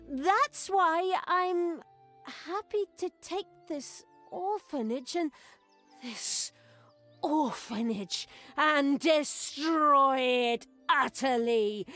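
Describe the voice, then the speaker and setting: A sugary, high dark elf villain. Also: female voice, heavily acted. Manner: sugary speech that turns gleefully murderous. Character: young female dark elf, sweetly cheerful villain. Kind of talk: video game cutscene voice acting. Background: game music.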